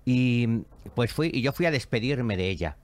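Hombre expresivo narrando anécdotas con teatralidad. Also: male voice, mid-range voice, moderate pace. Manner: expressive, theatrical storyteller who acts out quoted voices. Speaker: show host, spiritual medium. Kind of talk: animated storytelling chat.

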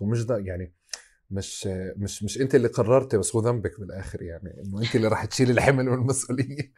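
Male interviewer, Palestinian Arabic accent, slightly low pitch, thoughtful and halting delivery. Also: darkish tone. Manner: halting, reflective, circling around questions. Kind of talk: conversational interview.

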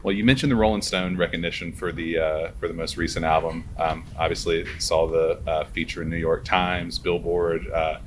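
A man interviewing a musician in a casual interview, asking hesitant questions with many pauses and chuckles. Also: low voice, level tone, slight background noise.

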